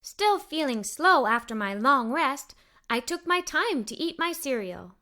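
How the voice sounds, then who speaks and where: A woman expressively reads a scripted children's story aloud, narrating as a cheerful young girl. Her voice sits high with big pitch swings, a measured pace, and a sharp tone.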